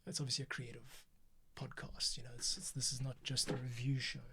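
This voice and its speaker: Keyboard typing and mouse clicks fill a noisy background as a podcast editor thinks aloud through a casual editing tutorial, muttering to himself while working. His mid-range voice moves little in pitch and runs fairly quick.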